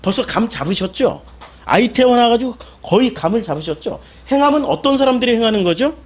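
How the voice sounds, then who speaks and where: A man's voice: very high voice, animated, fairly quick. A male pastor preaching a sermon, firing rhetorical questions at the congregation and answering them himself, with sudden emphatic exclamations.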